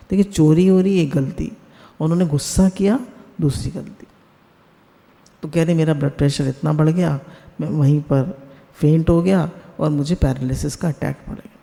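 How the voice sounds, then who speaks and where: Gravelly, warm-toned man giving a spiritual talk. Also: a little high, in a large hall. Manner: asks the listeners questions, mixes English words into Hindi. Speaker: satsang speaker. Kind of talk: spiritual discourse on a video call. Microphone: video call.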